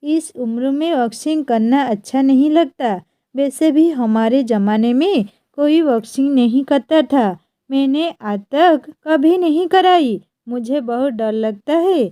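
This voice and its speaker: A woman's voice: sits high, takes it slowly, warm tone, dry recording. A woman voicing a stern, old-fashioned older mother-in-law in a scolding tone.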